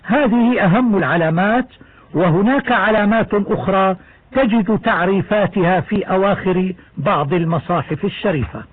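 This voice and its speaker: A man with a high voice explains the rules of Quran recitation in a measured, step-by-step way. The sound is dry and narrow, like an old radio broadcast heard through a small speaker. He talks like a patient teacher going through each rule in turn. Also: slightly rough, dry recording.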